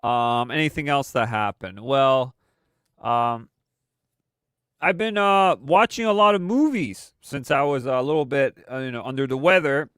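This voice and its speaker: Still getting over a cold, this weekly live-stream host sounds stuffed up as he rambles casually, restarting sentences and using lots of fillers. The clean, echo-free studio recording carries his mid-range voice, which is fairly bright, smooth and a little slow.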